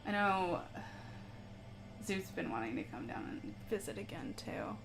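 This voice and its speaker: A woman's voice: fairly low pitch, big pitch swings, a little slow, creaky, background noise. A woman streaming live while she paints, chatting casually with viewers in a rambling way and laughing often.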